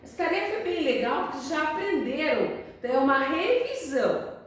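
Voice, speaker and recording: A woman teaching a primary school class, explaining patiently and repeating words slowly so young children can follow. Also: high voice, very animated, recorded from a distance, slight background noise. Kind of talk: recorded remote class lesson. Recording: very echoey room, voice away from the mic.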